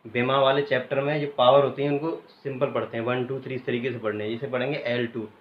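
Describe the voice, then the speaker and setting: A man's voice: medium pitch, flat delivery. Man teaching a class, quizzing students. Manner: quizzes students, pausing for them to finish answers; repeats key terms slowly and patiently. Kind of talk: classroom physics lecture. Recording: echoey room, muffled, faint hiss.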